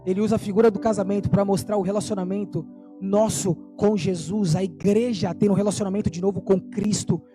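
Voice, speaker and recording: A man preaching a sermon, fervent and emphatic, slowing down on key phrases and telling a story. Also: high voice, steady tone, over music.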